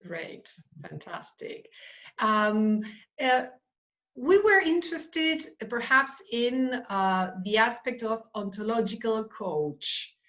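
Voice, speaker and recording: A woman hosting a video call interview, speaking slowly and courteously with hesitant fillers. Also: fairly high pitch, expressive, fairly bright tone. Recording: muffled video call audio.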